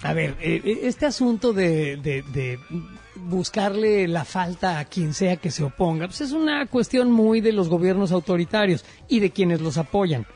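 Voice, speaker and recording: A Mexican man with a high, husky voice hosts a comedy talk show. He talks bluntly and jokes with crude slang in casual back-and-forth banter. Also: lively intonation, a little slow, darkish tone, faint music behind.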